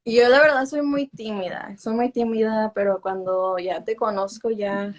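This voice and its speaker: A woman's voice: mid-range voice, fairly even intonation, unhurried. A woman in her twenties chats casually as an interview guest, with an ordinary mid-range voice. Her speech is Spanglish, with little English fillers slipped into the Spanish. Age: 20s. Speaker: urban music singer being interviewed.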